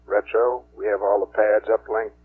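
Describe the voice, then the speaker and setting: A man with a low, very even voice runs a procedural roll call as a flight director. He is brisk and businesslike, heard over mission control radio that is narrow and band-limited, with hum and hiss behind him.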